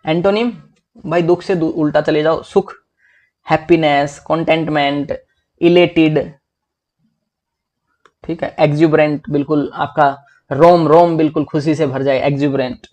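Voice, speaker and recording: A young man teaching English vocabulary for exams in a lively, chatty way, often calling his listeners "bhai". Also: a little high, measured pace, pauses often. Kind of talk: exam-prep vocabulary lesson.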